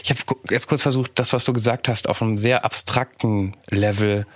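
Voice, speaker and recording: A man co-hosting a podcast, questioning and halting, with frequent restarts. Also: fairly low pitch, steady tone, a bit bright, no room sound. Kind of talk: podcast conversation.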